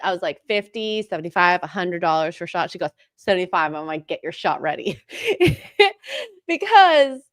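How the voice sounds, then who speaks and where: Upbeat woman co-host with a lively voice. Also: on the low side, moderate pace, no room sound, studio quality. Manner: laughs often, upbeat. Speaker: podcast co-host. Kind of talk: casual chat, reading viewer messages aloud.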